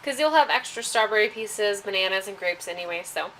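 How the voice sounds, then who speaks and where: A woman's voice: mid-range voice, animated, brisk, a bit bright, slight background noise. A young woman chatting casually through a vlog, giggly and talking playfully to her dog. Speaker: vlogger.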